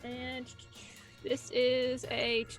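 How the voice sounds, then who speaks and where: A woman's voice: high-pitched, completely flat delivery, drawn-out words, faint music behind. A woman chatting casually as a player in a tabletop game.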